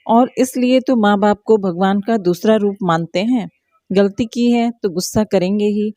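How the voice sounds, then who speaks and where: A woman voicing a kind young man who talks gently and reassuringly in a storybook. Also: mid-range voice, dry recording, clean studio sound, close to an everyday voice. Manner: gentle, reassuring, lecturing softly.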